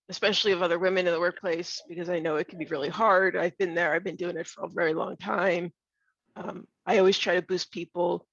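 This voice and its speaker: A middle-aged woman who is losing her voice, speaking bluntly and candidly on a video call, often halting and restarting. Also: lowish voice, a bit bright, no echo, dull audio. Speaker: webinar participant. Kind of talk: casual discussion on a video call.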